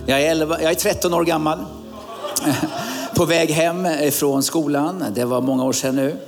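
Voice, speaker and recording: Middle-aged Swedish man preaching haltingly. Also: on the high side, fairly even intonation, over music. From Sweden. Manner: halting, many fillers, sudden emphatic rises. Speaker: guest preacher. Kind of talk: sermon.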